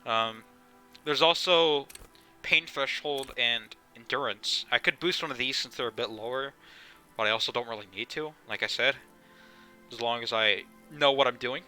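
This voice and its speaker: A man's voice: mid-range voice, moderate pace, bright, forceful tone, clear, resonant tone, faint music behind. A young man streaming a game live, chatting casually and rambling, with the odd swear. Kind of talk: casual live gameplay commentary.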